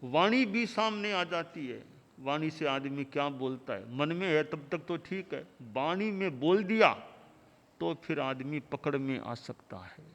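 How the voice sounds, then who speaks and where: A man delivering a sermon as a spiritual teacher, in measured, rhythmic lists of short phrases. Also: a little high, lively intonation, a bit bright. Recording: long hall reverb.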